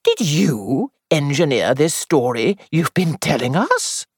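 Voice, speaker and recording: A woman reading aloud and voicing a practical middle-aged hostess who talks in a brisk, blunt way. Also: deep voice, very animated, a little mellow, breathy edge, no room sound, clean studio sound, pitched above the performer's own voice, full character voice. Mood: exasperated.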